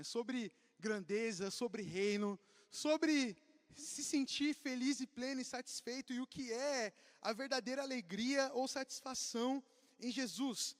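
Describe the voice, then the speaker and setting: Young Brazilian youth pastor, bright high register, jokey and animated, in a reverberant auditorium. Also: male voice. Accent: Brazilian Portuguese. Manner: joking, animated, addresses the crowd. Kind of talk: casual youth sermon with jokes. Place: church auditorium. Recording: long hall reverb.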